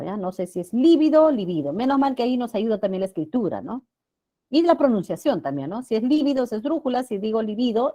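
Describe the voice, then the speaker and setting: A woman teacher giving a grammar lesson to students, often checking in with them and drawing out words slowly for emphasis. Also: mid-range voice, a little mellow. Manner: addresses students with frequent checking questions.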